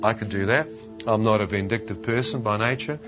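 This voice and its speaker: Earnest guy telling his own story, low voice, dull audio, music behind. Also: fairly quick. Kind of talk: personal testimony narration.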